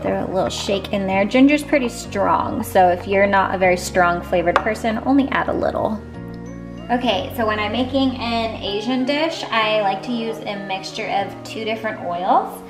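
A woman in her thirties, a fitness vlogger, chats at normal speed in a mid-range voice while making food at home. The casual, cheerful cooking vlog is shot from a camera on the counter. The space is echoey, with music playing underneath.

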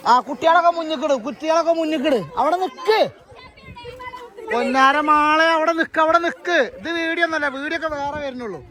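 Malappuram accent guy yelling orders at family, high pitched, outdoors, loud crowd behind. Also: brisk. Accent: Malappuram Malayalam. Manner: loud, bossy and teasing, calling out orders. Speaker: family vlogger. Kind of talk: casual vlog, herding relatives. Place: outdoors among a large family gathering. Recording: busy crowd noise behind.

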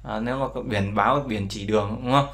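A man gives a screen-share English lesson, explaining vocabulary with lots of fillers and repeatedly checking on his viewers. He talks fairly quickly in a fairly low, gravelly voice that's a bit bright.

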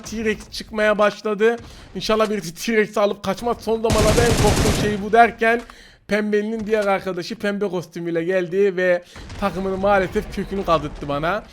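A man with a strikingly high voice narrates a mobile shooter match as he plays. He talks excitably and erupts into frustrated shouting when shots go against him. Game gunfire and clicks sit loud under his voice. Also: background noise. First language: Turkish. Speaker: gaming YouTuber. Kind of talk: live gameplay commentary.

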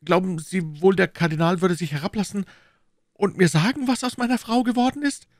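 A man's voice: high voice, brisk, no echo, clean studio sound, pitched above the performer's own voice. A man voicing a timid, nervous middle-aged shopkeeper who pleads and stammers, in a storybook reading. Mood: anxious.

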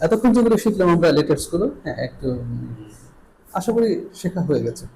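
A man teaching English letter sounds, repeating each sound slowly and patiently. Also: a little high, very animated, creaky, warm tone, a little hiss or hum, rough recording.

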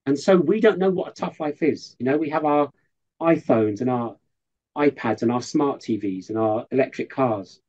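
A man, a professor, talking earnestly in an interview and telling stories with lively quoted asides. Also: mid-range voice, moderate pace, highs cut off. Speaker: professor giving a guest interview. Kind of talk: conversational interview storytelling.

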